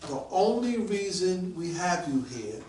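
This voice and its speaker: A man around sixty tells his stories in a casual interview, lively and quick to act out other people's words. His voice sits a little high for a man. It echoes off a roomy space, with the mic set back from him. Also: distant mic, a little hiss or hum. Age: about 60. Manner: animated, acts out quoted voices, gets excited. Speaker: guest, police detective.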